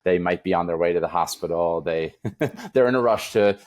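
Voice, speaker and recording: A low-voiced man hosts a podcast in a thoughtful, earnest style. He shares his examples with soft chuckles. The recording is dry and close to the mic. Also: moderate pace, no room sound. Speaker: podcast host. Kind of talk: conversational interview.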